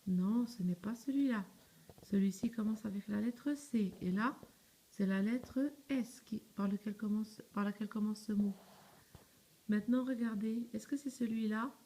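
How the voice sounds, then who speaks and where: A woman's voice: medium pitch, normal speed, warm tone. A young woman teaching young children to spell, patiently asking questions, answering them herself and checking that they follow. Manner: patient, asks and answers her own questions; spells words letter by letter, often checks "d'accord?". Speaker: primary school teacher. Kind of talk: slow step-by-step spelling lesson.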